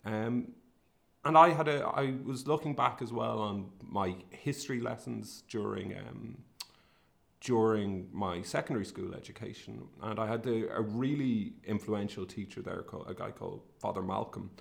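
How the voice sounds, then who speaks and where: This middle-aged man, an academic researcher and podcast host from Sligo in northwest Ireland, tells his career story conversationally and a little hesitantly, thinking aloud. His west of Ireland accent comes through a low, creaky, fairly bright voice at normal speed.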